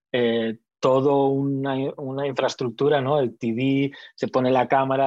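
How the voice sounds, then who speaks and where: A man in his thirties with a Spanish accent talks about his work as a TV weather presenter, stopping and restarting often with plenty of fillers. His voice is mid-pitched and close to the mic. The sound is dry and a little muffled. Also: no room sound. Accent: Spanish from Spain. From Spain. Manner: hesitant, many restarts and fillers. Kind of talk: interview answers, casual.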